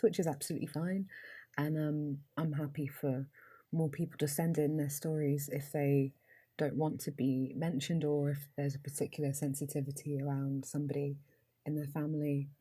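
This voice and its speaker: A podcast host with a Received Pronunciation English accent chats casually and reads aloud flatly and evenly, with frequent ums. Her voice is low-pitched and slightly rough.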